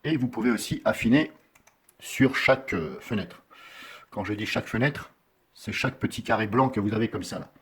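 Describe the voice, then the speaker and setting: Husky rambling man explaining software. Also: on the low side, moderate pace. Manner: rambling, corrects himself often, many fillers. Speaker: software tutorial maker. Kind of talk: casual screen-recorded software tutorial.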